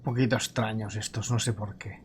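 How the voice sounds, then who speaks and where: A man's voice: lowish voice, steady tone, fairly quick, darkish tone, a little hiss or hum. A man casually commenting as he plays a video game, musing aloud to himself. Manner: musing aloud, chatty asides. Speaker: let's play host.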